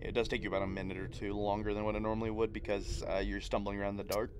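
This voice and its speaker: A man with a Midwestern accent runs a tabletop game, his voice a little low. He halts, fills gaps with ums and circles back on himself as he describes the scene. A faint hiss sits under the recording. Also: level tone. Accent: Midwestern American. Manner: halting, many fillers and restarts. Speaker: game master. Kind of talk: narrating a tabletop game stream.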